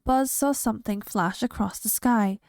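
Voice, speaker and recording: A woman reading a children's picture book aloud in a slow, clear storytelling manner. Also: on the high side, darkish tone, no room sound. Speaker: reader.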